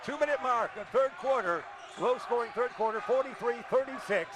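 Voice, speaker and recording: Older play-by-play announcer, high bright voice, excited calls, gym crowd around him. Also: male voice. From Illinois. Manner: rapid excited calls, chatty asides. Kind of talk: high school basketball play-by-play.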